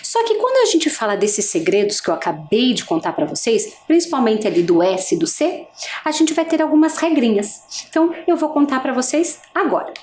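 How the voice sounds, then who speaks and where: A woman teacher giving a recorded video lesson. She asks her students questions and slowly draws out each example word. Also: a little high, very animated, a little mellow. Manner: slow, drawn-out pronunciation of example words; asks the class questions and pauses. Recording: echoey room with faint hiss.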